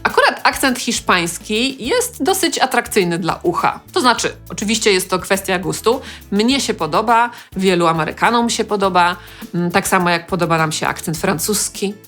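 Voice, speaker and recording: A woman from Poland hosting an English-language lesson, explaining clearly and calmly with touches of humor. Faint music sits under her voice. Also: medium pitch, moderate pace. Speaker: language teacher host. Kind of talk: educational vlog.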